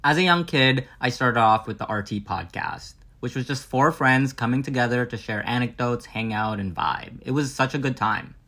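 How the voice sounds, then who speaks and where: A man's voice: mid-range voice, normal speed, few pauses, sharp tone. A young man hosting a comedic podcast, playful and self-mocking as he tries out bits. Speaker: podcast host. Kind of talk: comedic solo podcast monologue.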